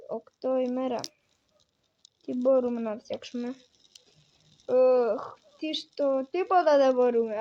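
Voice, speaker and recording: A woman's voice: high voice, darkish tone, dull audio. A woman giving casual gameplay commentary, talking to herself and the game and exclaiming often. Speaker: gamer.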